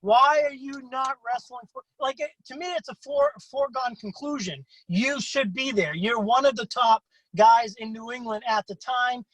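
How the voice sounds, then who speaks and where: A man hosting a casual interview over a video call who swears freely and jumps into excited voices when he quotes other wrestlers. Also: normal speed, hardly any pauses, dry recording, poor audio. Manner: profane, swears freely in anecdotes; acts out quotes with big pitch jumps. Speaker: interview host.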